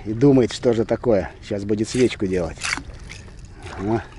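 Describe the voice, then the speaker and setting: A middle-aged fishing vlogger with a lowish voice talks calmly to himself between casts from a small inflatable boat. An action camera on the boat and his chest captures him unhurried outdoors, with wind and water noise in the background.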